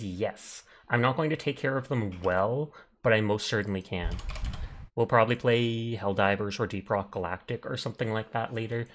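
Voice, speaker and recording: A man livestreaming a game, chatting casually with viewers in a playful, wry way. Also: fairly low pitch. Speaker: live streamer, host. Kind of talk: casual livestream chat while gaming.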